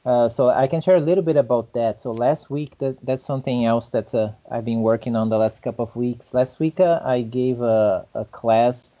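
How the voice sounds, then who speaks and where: A man's voice: mid-range voice, normal speed, hardly any pauses, warm tone, lo-fi sound. A man chatting casually in an online meetup, explaining his ideas in long, rambling turns. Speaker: meetup participant. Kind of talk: casual chat.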